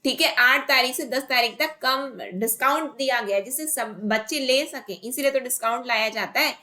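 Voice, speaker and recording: Bright-voiced woman teaching an online class. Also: sits high, moderate pace. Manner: explains by asking and answering her own questions. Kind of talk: online exam-prep lesson.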